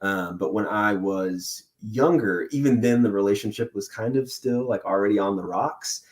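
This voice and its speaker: Speaking at an ordinary speed in a lowish voice, this man is a voice actor guesting on a laid-back interview. He's lively and excitable as he shares stories, breaking into laughter again and again.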